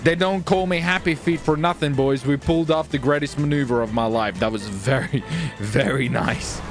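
A streamer is roleplaying while playing a video game, chatting casually in an excitable, cocky, jokey way and swearing as he goes. He has a mid-range voice at a moderate pace, with soft background music behind him.

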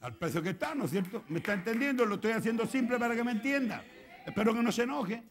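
Chilean preacher, man, middle-aged; high voice, dramatic swings from hush to shouting in a church sermon. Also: lively intonation, fast talker. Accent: Chilean Spanish. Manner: swings from quiet asides to shouted preaching, acts out quoted prayers. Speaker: pastor.

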